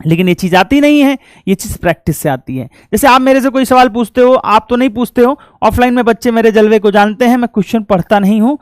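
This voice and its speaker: A man's voice: extremely high pitch, fast talker, hardly any pauses, smooth, dry recording. Man teaching a recorded class; chatty, teasing, motivational, breaks into song snatches; dry close sound. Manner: chatty, joking asides to students; coaxing, motivational. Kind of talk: recorded online lesson.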